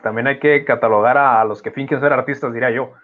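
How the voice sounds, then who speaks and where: A man's voice: medium pitch, fairly even intonation, fast talker. Man, thoughtful host, hesitant restarts, muffled lo-fi sound. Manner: reflective, many fillers and restarts. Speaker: podcast host. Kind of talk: casual conversation. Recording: dull lo-fi audio.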